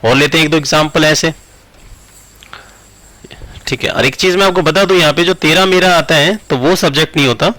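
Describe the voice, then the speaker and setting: Bright male teacher. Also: a little high, dry recording, rough recording. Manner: slow word-by-word dictation, repeating phrases. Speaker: English teacher. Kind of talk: explaining grammar while writing examples.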